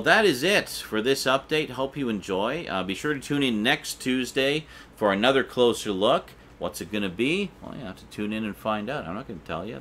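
Filmed in a small room with shelves, this noisy recording features a middle-aged collectibles reviewer whose voice is lowish and a touch bright. He chats informally and without a script as the vlog's host.

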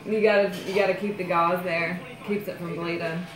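A woman's voice: on the low side, little pitch movement, moderate pace, crowd noise. A woman chatting casually, asking short questions and giving simple reassurance. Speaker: companion of a dental patient. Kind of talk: casual chat. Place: small dental treatment room, indoors. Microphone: handheld phone. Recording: echoey room, music behind.

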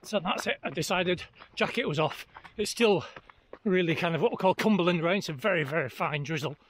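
A man's voice: sits high, fairly quick, a bit bright. A middle-aged man talking casually to camera while running outdoors, active and exerted, as he films a vlog. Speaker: running vlogger. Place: outdoors on open fell trail by a lake. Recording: clear outdoor background noise.

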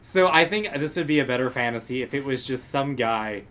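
A man's voice: medium pitch, expressive, a little fast, heavy background noise. A man providing casual commentary alongside a streamer, riffing wryly on absurd ideas. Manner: wry, riffing on absurd bits. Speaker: co-host commentator.

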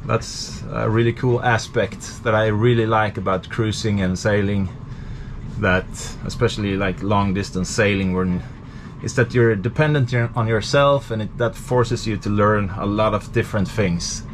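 A man in his thirties from Sweden, casually explaining boat work in a relaxed vlog, with frequent fillers, recorded by a camera close above him in a cramped boat compartment. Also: lowish voice, normal speed, slight background noise. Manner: relaxed, thinking aloud with many fillers. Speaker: sailing vlogger.

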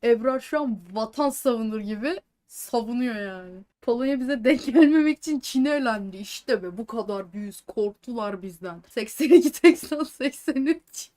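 An excitable woman streamer reacts live to a game she is watching, trading jokes with her chat. Her voice sits a little on the high side. She slips English words into her chatter. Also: normal speed, few pauses, faint music behind. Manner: excitable, swings between joking chatter and anxious outbursts.

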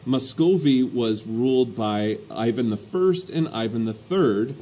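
Guy teaching history, chatty lecture, lots of ums and uhs, mid pitch, faint room hum behind. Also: expressive, unhurried, mellow. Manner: conversational, with frequent ums and uhs. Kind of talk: recorded classroom lecture.

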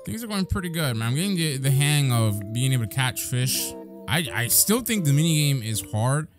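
A young man chatting his way through a game, his pitch jumping around as he talks and laughs. Light music sits faintly behind his voice. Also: very animated, normal speed. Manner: chatty, laughs often, says bro. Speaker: gaming creator. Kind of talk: casual gameplay commentary.

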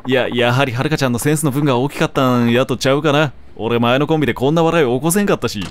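A man voicing a gentle, easygoing male comedian in a put-on Kansai dialect. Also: medium pitch, fast, natural voice. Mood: dazed.

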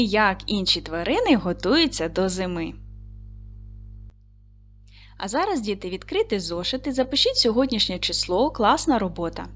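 A woman's voice: mid-range voice, a bit bright. A woman teacher giving a lesson to second graders, talking patiently and addressing the children directly. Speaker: primary school teacher.

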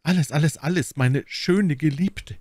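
A man's voice: sing-song, moderate pace, vocal fry, darkish tone, no echo, studio quality. A man voicing a young, passionate musketeer who gushes in a raised voice. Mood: rapturous. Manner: gushing, high and passionate. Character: young rapturous lovesick musketeer.

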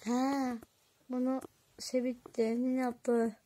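Slow, husky, excitable woman vlogger. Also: sits high. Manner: chatty and excitable, giggling often. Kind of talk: casual vlog chat to viewers.

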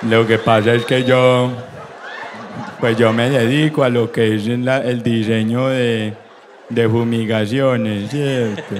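A man's voice: medium pitch, background noise, pitched below the performer's own voice, natural voice. A man voicing a nervous old country farmer from Colombia who rambles and hesitates in a rustic, formal way.

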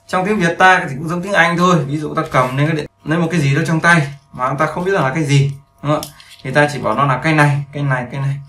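A man teaching beginners, with a gravelly, fry-edged voice that keeps repeating points and checking in with his listeners. The sound is roomy and echoey. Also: mid-range voice, a bit bright, far from the mic, slight background noise. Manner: repetitive, checks in with listeners often. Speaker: English teacher. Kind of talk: explaining grammar to beginners.

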